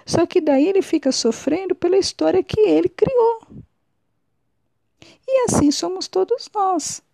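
A woman's voice: very high voice, expressive, unhurried, gravelly, mellow, no room sound. A woman hosting a podcast. She gives a reflective solo monologue, musing and often restarting or correcting herself. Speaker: podcast host.

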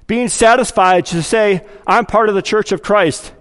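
A pastor preaching to his congregation in a church sanctuary. He has a high voice, and it rings out through a long, echoing hall. He keeps his preaching conversational, putting on little voices for the people he quotes and firing questions at the listeners. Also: normal speed, a bit bright. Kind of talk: sermon.

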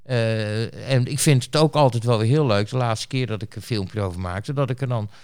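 A man interviewed as a guest, a street reporter, tells a casual story bluntly and ramblingly, with lots of fillers and restarts. His mid-range voice sounds clean and a little mellow, and he speaks at a moderate pace.

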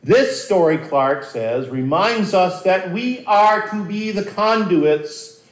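A man preaching a sermon as a pastor, earnest and animated, with dramatic pauses and repeated words. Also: sits high. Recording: roomy echo.

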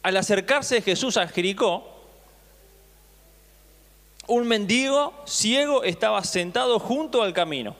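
A man's voice: sits high, animated, measured pace, long pauses, fairly bright tone. A male pastor preaching a sermon, reading scripture aloud and retelling it with acted voices, often asking the congregation questions. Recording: long hall reverb.

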